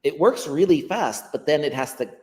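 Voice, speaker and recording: This American man, a guest teacher with a Western accent, talks through his ideas off the cuff on a video call, pausing to think and frequently repeating words. His pitch runs fairly high and his delivery is animated at a normal speed, with a slightly mellow tone. Long reverb, like a hall, colors the audio.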